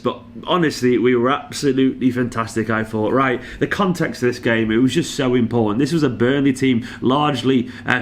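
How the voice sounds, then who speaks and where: A man, hungover and worn out, chats casually about football in a mid-pitched voice. He sounds weary and blokey, with noticeable background noise behind him. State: hungover, exhausted. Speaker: football fan channel host. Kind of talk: casual post-match reaction monologue.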